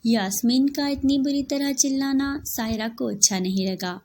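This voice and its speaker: A woman giving scripted narration of a cartoon story in a clear, steady voice. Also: high-pitched, normal speed, slight background noise.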